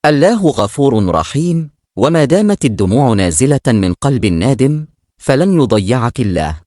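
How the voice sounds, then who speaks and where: A devout, sorrowful man offers faith and comfort, read by a male storyteller. His voice is middle-pitched with animated pitch movement, recorded dry and close. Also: moderate pace, dry recording, natural voice. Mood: consoling. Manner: earnest, consoling. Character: grave devout man, gentle and sad.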